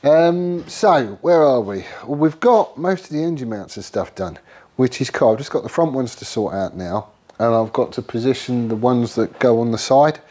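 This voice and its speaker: A man with a medium-pitched, mellow, expressive voice talks to camera at a moderate pace about his motorbike frame build, hosting his channel from a home garage workshop. He's congested and losing his voice to a cold, and he rambles casually, often saying um and trailing off into restarts.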